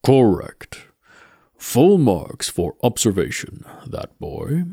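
A man plays Death as a grave, unhurried skeleton, each word weighed out slowly. The voice sits low and hollow with a husky, gravelly grain. He stays calm and courteous throughout. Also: no room sound, studio quality, exaggerated voice. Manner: slow, measured, grave delivery.

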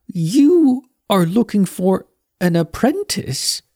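A man's voice: medium pitch, very animated, slow, a little mellow, no echo, clean studio sound, voice pushed up, heavily acted. A man voicing Mort, a polite, nervous teenage boy who speaks earnestly and with some hesitation.

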